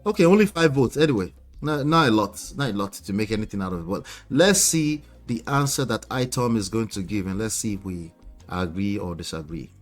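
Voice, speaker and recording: A man's voice: fairly low pitch, lively intonation, a little fast, soft background music. A man hosting a live stream, reacting to clips with rhetorical questions and frequent laughter. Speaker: host.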